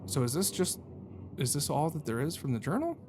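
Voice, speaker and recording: Over some background noise, a man whose voice sits on the high side, with big pitch swings and a brisk pace, gives laid-back let's-play commentary as a gaming YouTuber. He talks through his thoughts as he plays, tossing out silly fake-swearing slang and occasionally reading notes from the game.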